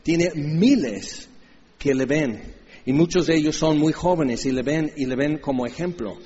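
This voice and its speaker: A man in his fifties with a Mexican Spanish accent preaches a lively sermon, switching into acted-out voices of the characters. His voice is fairly high and husky. It is heard in a hall with long reverb. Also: a little slow, highs cut off. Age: 50s. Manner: lively, jokey, acts out Bible characters.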